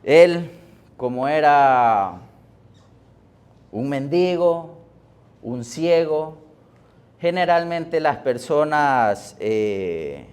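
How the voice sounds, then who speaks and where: A man preaching a sermon as pastor, deliberate, with pauses and fillers, rising in force on key words. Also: fairly high pitch, lively intonation, a little mellow, clear, resonant tone. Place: church.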